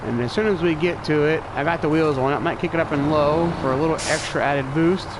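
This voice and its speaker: A man whose voice is a little high speaks fairly quickly, congested from allergies, as he thinks aloud in casual live commentary on a truck-driving game stream. Clear truck engine and vehicle sounds from the game play behind him.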